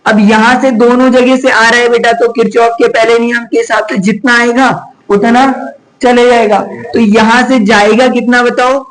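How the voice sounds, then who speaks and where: High-voiced male physics teacher. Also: level tone, normal speed, a bit bright, low-quality recording. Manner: chatty, scolds and teases students, mixes English terms. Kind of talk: classroom lecture.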